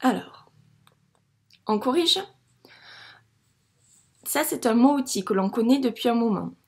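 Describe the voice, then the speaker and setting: A woman's voice: fairly high pitch, expressive, gravelly. A woman teacher giving a patient phonics lesson to a young child and sounding out words syllable by syllable. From France. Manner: slow, patient, drawn-out syllables. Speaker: first-grade teacher.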